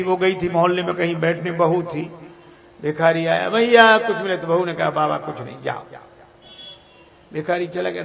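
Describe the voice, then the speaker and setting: A man preaching a storytelling sermon, acting out the voices of the people in his stories, recorded live before an audience that laughs. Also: gravelly. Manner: acts out quoted characters with shifting voice and pitch. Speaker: Ram Katha preacher.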